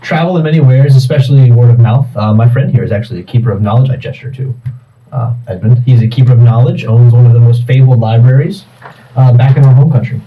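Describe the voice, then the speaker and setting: A man playing a tabletop game in character, talking smoothly and politely like a merchant. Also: mid-range voice, quick pace, far from the mic, narrow, tinny audio. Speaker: player. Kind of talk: in-character tabletop role-play.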